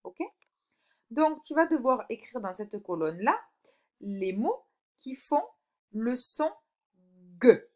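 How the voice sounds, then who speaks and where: Slow, deliberate woman teaching phonics. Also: a little high, big pitch swings, darkish tone. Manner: slow and deliberate, stretches out example words; addresses the child directly, checks in with "d'accord?". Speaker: primary school teacher. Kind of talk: recorded phonics lesson for a young child.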